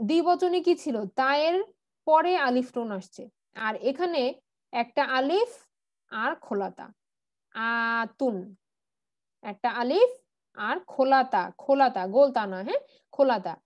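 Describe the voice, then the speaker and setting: A woman's voice: sits high, a little mellow, no echo. A woman teaching an Arabic grammar class online, patiently repeating word forms and answering her own questions, with English words mixed in.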